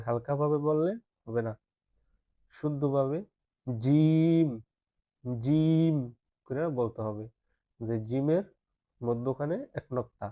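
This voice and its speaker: A man teaching the Arabic alphabet in a slow, patient lesson, repeating each letter several times and asking listeners to say it along. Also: mid-range voice, dark tone, muffled recording.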